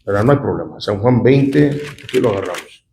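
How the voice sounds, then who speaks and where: A man's voice: fairly low pitch, lively intonation, a little fast, vocal fry, echoey room, heavy background noise. A male pastor reads scripture and comments on it in a conversational way, often turning to the congregation with "¿verdad?". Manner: conversational, often asks the congregation "¿verdad?" and "¿cuántos dicen amén?". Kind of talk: sermon reading scripture aloud with commentary.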